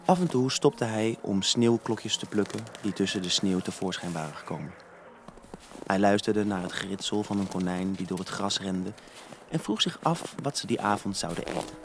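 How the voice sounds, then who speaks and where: A man narrating a children's storybook in an expressive, lively reading. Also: fairly low pitch, moderate pace, a little hiss or hum.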